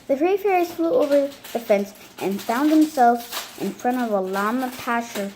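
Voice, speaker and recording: A woman reading a children's book aloud, halting now and then over misread words. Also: a little high, a little mellow, a little hiss or hum, low-quality recording. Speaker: reader.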